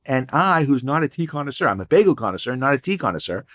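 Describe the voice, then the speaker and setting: A man's voice: mid-range voice, very animated, fast talker, fairly bright tone. An older man, a guest entrepreneur and professor, telling stories in a casual interview with dry, punning humor. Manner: storytelling, wry and punning.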